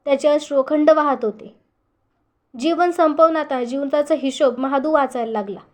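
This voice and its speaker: High-voiced woman reading a story aloud. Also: moderate pace, a little mellow. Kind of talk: scripted narration of a short story.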